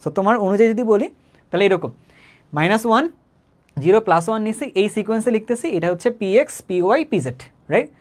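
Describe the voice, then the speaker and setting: Male tutor, rapid and chatty online lecture, keeps asking if it's clear. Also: high-pitched, animated, darkish tone. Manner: conversational, repeats phrases, checks understanding often. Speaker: chemistry teacher.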